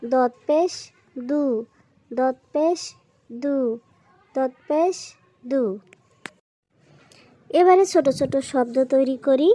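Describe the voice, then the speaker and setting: A high-voiced woman teaches children to read, spelling out each letter sound and repeating it. She takes an unhurried pace, and her voice sits close and dry with no room around it. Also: mellow, no room sound. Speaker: Quran reading teacher. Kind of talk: slow spelling-drill lesson narration.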